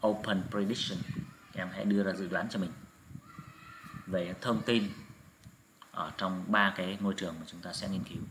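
A male English teacher leading a slow vocabulary drill, saying each word twice for the pupils to repeat. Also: deep voice. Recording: steady background noise.

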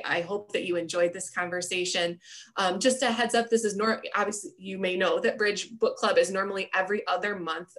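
A woman's voice: mid-range voice, a bit bright. An American woman in her thirties hosting an online book club in a polite, appreciative, conversational way. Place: small room at home, indoors. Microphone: video call computer microphone.

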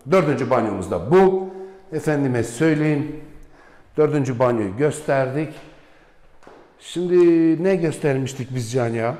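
A man's voice: medium pitch, darkish tone. A chatty man in his forties leads a walkthrough of an empty villa, drifting into folksy asides and sayings. He is a real estate agent with a mid-range voice. The bare rooms give a long, echoing reverb. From Turkey. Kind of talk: walkthrough house tour. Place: empty unfurnished villa, indoors.

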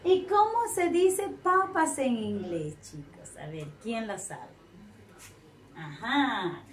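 Slow-talking high-voiced woman teacher. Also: very animated. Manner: slow, drawn-out modeling of words for children to repeat. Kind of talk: bilingual English lesson for children. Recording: echoey room, voice from far off, faint noise.

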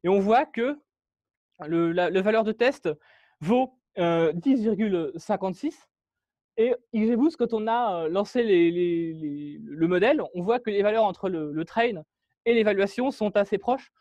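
A man's voice: high-pitched, animated, measured pace, darkish tone, dry recording, muffled recording. A man giving a technical talk at a meetup, walking through code with many fillers and restarts. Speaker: meetup speaker. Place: meetup room.

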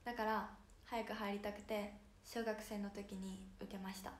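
A woman's voice: mid-range voice, level tone, normal speed, a little hiss or hum. A young woman with a Hiroshima accent hosting a casual idol livestream, chatting and thanking viewers by name. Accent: Hiroshima dialect. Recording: echoey room with faint music.

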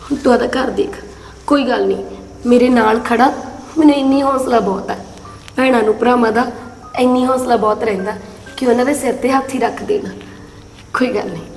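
Grieving young widow, played by a woman; gentle, pleading, a touch high, set in a reverberant room with soft music. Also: brisk, pauses often, natural voice. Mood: sorrowful. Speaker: actor in a short film. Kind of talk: melodramatic short-film acting. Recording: echoey room with long reverb.

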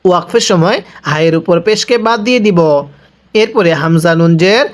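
A man teaches Quran reading in a brisk, high-pitched voice with a Bangladeshi Bengali accent. The lesson is a slow spelled-out recitation where he patiently names letters and vowels, then draws out each word for repetition.

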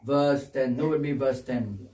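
A male pastor preaching a sermon emphatically, repeating key phrases and rising into shouts. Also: medium pitch, a little slow. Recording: echoey room, mic far off.

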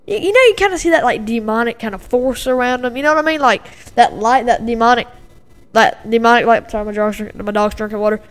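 A woman's voice: a little high, fast talker. Agitated rambling woman, reacting. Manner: agitated, rambling, many fillers and repeats. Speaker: video commentator. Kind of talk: casual reaction commentary. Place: home with a dog and a TV in the background.

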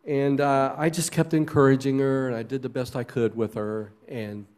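A middle-aged man, a schoolteacher, giving a halting, heartfelt personal testimony at a church service. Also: mid-range voice, flat delivery, darkish tone, clean tone. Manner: halting and heartfelt, with fillers and restarts. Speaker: teacher sharing a testimony. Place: church sanctuary.

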